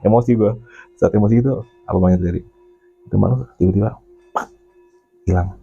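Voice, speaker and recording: A man with telling a mountain ghost story in casual chat, animated and swearing, acting out the voices of the people in it. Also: fairly low pitch, quick pace, gravelly, breathy edge, highs cut off, faint music behind. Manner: animated, acts out his own and others' quoted lines; swears casually, keeps addressing the listener as Bang.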